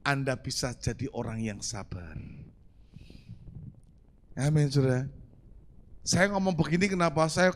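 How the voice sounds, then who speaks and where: Male pastor, high gravelly voice, sermon in a reverberant church hall. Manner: preaching with sudden loud outbursts, rhetorical questions.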